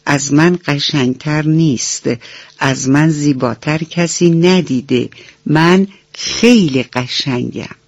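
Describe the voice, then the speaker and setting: A woman's voice: low-pitched, darkish tone, dry recording. Woman putting on a vain little red pepper, boastful, sing-song, storybook radio, dull lo-fi sound.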